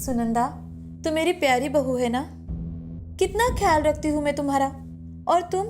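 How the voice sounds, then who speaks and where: A woman's voice: high-pitched, moderate pace, over music, natural voice. A woman voicing a bossy, scornful old mother-in-law who taunts her family harshly in a cartoon story. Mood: pleading.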